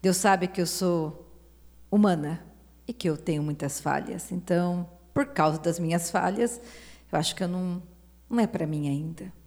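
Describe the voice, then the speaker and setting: A woman's voice: fairly low pitch, moderate pace, darkish tone. Woman preacher, fervent sermon, echoey church hall with long reverb. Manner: fervent, acts out quoted voices.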